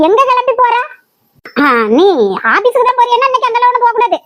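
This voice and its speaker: A woman's voice: extremely high pitch, fast, a bit bright, no room sound, voice pushed up. A woman voicing a fussy middle-aged mother in a cartoon, nagging and melodramatic, with a Kanyakumari Tamil accent. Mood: scolding. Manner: scolding, melodramatic. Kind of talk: cartoon voice acting.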